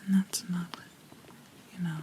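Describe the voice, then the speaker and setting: A woman whispering a gentle, reassuring ASMR pep talk up close to the microphone, pausing mid-sentence in a soft, breathy unvoiced whisper. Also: on the low side, little pitch movement, slight background noise. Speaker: ASMR host.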